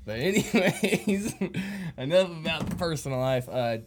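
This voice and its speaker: A young man co-hosting a podcast in casual chat, telling things haltingly with slangy swearing. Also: on the high side, animated. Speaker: podcast co-host. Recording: clearly noisy, with clicks.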